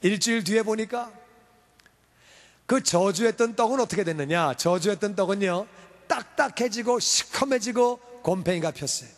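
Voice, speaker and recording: A man preaching in a church with a high voice, animated, acting out the voices in his stories. His words carry a long reverb through the large hall. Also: normal speed. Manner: animated storytelling, acts out scolding and praising voices. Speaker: pastor. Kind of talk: sermon. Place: church sanctuary.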